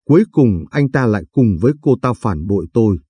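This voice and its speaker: A man's voice: lowish voice, animated, fairly quick, mellow, slightly rough, no room sound. A man narrating a dramatic first-person audio story with emotional delivery.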